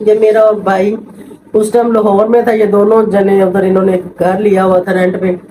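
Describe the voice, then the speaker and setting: A woman's voice: medium pitch, flat delivery, moderate pace, background noise. A middle-aged woman with a Pakistani accent, telling a family story in an interview, emphatic and repeating herself. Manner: emphatic, repeats herself, acts out quoted voices.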